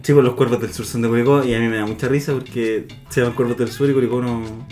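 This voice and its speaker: Fast-talking chilean guy. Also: medium pitch, fairly even intonation, darkish tone, soft background music. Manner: joking, rambling storyteller. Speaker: podcast co-host. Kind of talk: casual chat.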